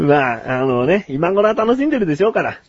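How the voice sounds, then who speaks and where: A high-voiced man from Yokohama co-hosts a casual comedy chat, teasing his partner with quick retorts and frequent laughs. His pitch bounces around a lot. The recording is slightly muffled, with faint music behind. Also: big pitch swings, no room sound. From Yokohama, Japan. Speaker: assistant co-host.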